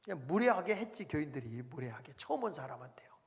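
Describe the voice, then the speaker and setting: A high, gravelly male preacher tells a revival story with swooping intonation. He drops to near-whispers, then climbs back up. His voice rings through a long church reverb. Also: sing-song, fast talker. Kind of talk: storytelling sermon. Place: large church sanctuary.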